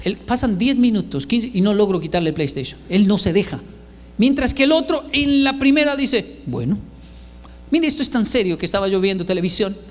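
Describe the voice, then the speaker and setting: A man delivers a comic storytelling monologue and acts out every voice in it. His voice is high and carries a long hall reverb. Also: fairly quick. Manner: animated, acts out dialogue.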